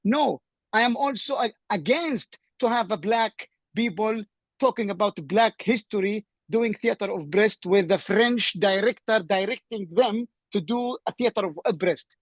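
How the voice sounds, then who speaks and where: Impassioned Palestinian-accented man, high voice. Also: normal speed, no room sound. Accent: Palestinian Arabic. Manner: urgent, insistent, repeats phrases. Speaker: seminar participant. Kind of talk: impassioned argument in online seminar. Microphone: video call.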